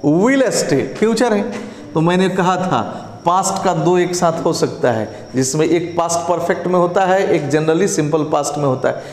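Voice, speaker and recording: A male English teacher going through exam answers step by step, mixing Hindi and English and often asking if it is clear. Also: fairly high pitch. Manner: speaks slowly and deliberately, dictating; switches between Hindi and English. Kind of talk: exam prep lesson explaining grammar answers. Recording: echoey room with long reverb.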